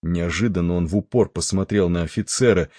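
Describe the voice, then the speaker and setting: A man narrating an audiobook in a measured storytelling manner. His voice is very deep and slightly husky. The recording is dry and close, with no room sound. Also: darkish tone, dry recording. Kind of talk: scripted narration.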